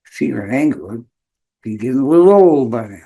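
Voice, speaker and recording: A man with a hoarse, worn voice hosting a show in an informal, halting monologue with rambling asides. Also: medium pitch, expressive, mellow. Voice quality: hoarse, beat-up voice. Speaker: host of a spirituality show.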